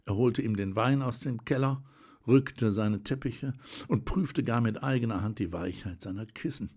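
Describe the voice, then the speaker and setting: A man narrating an audiobook with a steady, deliberate reading. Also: mid-range voice, breathy edge.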